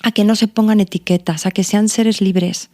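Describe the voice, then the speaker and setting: Woman, therapist guest, mellow tone, earnest, reflective, asks herself questions. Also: medium pitch, steady tone, moderate pace. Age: adult parent. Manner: earnest, uses personal examples and self-questions. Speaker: guest logotherapist. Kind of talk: reflective conversational explanation.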